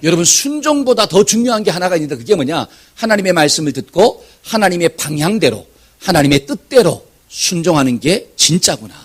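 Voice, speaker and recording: A man's voice: sits high, a little fast, husky. A man preaching a Sunday sermon to his congregation. He often asks them questions and guides them through reading scripture aloud. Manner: lively, animated delivery with shouted examples. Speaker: pastor. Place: church sanctuary.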